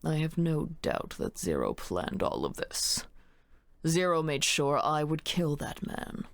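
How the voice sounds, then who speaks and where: A woman voicing a cold, smug older male killer, reading visual novel dialogue in a deliberate, drawn-out, resigned way. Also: sits low, gravelly, dry recording, pitched below the performer's own voice, exaggerated voice. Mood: calculating.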